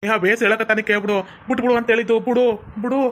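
A woman's voice: fairly high pitch, level tone, racing, fairly bright tone, slight background noise, lightly acted. Woman playing a whiny broke village husband. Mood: pleading. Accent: North Karnataka Kannada. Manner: whiny pleading. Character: broke, pleading young village husband, male.

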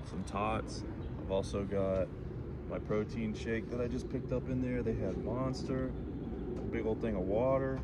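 Man, casual travel vlog, fairly low voice, loud traffic noise behind, handheld camera outdoors. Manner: chatty, talks to viewers while walking around town. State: out of breath after jogging. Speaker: vlogger. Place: outdoors on city streets.

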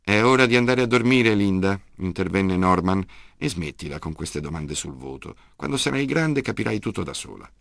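A man's voice: low voice, expressive, normal speed, vocal fry, few pauses, a bit bright, no room sound, full character voice. A man voicing a dry, sardonic father. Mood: firm. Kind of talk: audiobook character reading.

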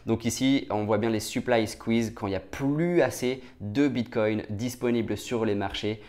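A man with a fairly low, slightly mellow voice goes over price charts as a market analyst at a normal pace. His relaxed delivery is full of fillers and restarts, and he often checks in with "d'accord?"

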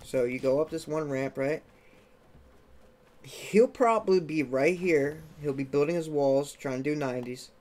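A man's voice: a little slow, a little mellow, slight background noise. Chatty young man explaining gameplay. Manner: chatty, keeps checking in with "okay?" and "right?"; sound effects like "boom" while demonstrating. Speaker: gaming tutorial creator. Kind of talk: casual walkthrough commentary.

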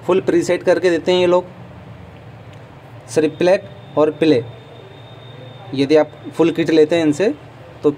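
Chatty man touring an expo, mellow voice. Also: fairly high pitch, a little hiss or hum, poor audio. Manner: chatty, addresses viewers as friends, opinionated asides. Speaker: vlogger touring a trade show stall. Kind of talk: casual walkthrough vlog. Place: busy indoor trade show hall. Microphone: phone camera held while walking.

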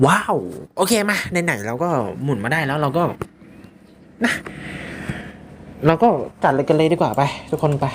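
A young man giving casual, excitable gameplay commentary and swearing often. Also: a little high, moderate pace, long pauses, a little hiss or hum. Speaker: gamer.

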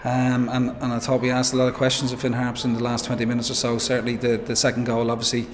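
A man in his forties with an Irish accent, a football manager giving a measured post-match interview, full of "um" and "you know". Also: mid-range voice, monotone, a little hiss or hum. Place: pitchside interview backdrop, noisy. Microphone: handheld interviewer mic.

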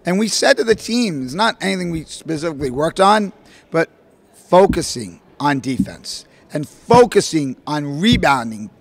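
A middle-aged man with a fairly high voice speaks from a podium in a press room. He talks in animated, rambling bursts, circling back through his points with fillers and restarts, the way a coach answers after a game. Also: moderate pace. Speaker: head basketball coach. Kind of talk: postgame press conference. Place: press room, standing at a podium before a logo backdrop. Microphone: podium microphone.

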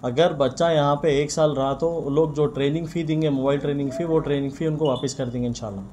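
Brief: young man, slightly high voice, earnest press talk, faint shop noise. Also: steady tone, fast talker. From India. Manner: earnest, frequent religious blessings. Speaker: shop owner. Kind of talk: press interview. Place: indoor shop in front of press mics. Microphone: bunch of press mics on table.

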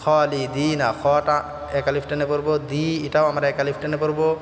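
A man teaching recitation, alternating slow melodic chanting with quick spoken explanations of pronunciation. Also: on the high side, flat delivery, a little hiss or hum. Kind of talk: Quran recitation lesson with chanted verses. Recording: echoey reverberant room with soft music.

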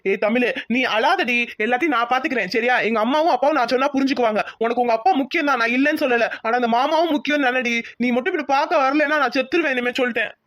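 Cartoon casting: a woman playing a devoted young village lover, high-voiced and fast, coaxing. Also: natural voice. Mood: pleading. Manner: coaxing and pleading, affectionate. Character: lovesick young village man, devoted and pleading. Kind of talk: cartoon voice acting.

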